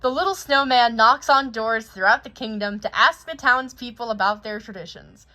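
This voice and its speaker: Reading a children's picture book aloud, a woman uses an expressive storytelling style in a fairly high voice at normal speed.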